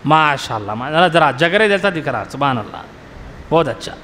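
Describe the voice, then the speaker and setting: Middle-aged maulana guy, pretty high voice, teaching a workshop and keeps asking the crowd questions. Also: big pitch swings, brisk, pushed and bright, long reverb tail, a little hiss or hum. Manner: quizzes the audience with repeated questions; storytelling with everyday examples. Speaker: Islamic scholar, maulana. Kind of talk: religious workshop lecture to a live audience.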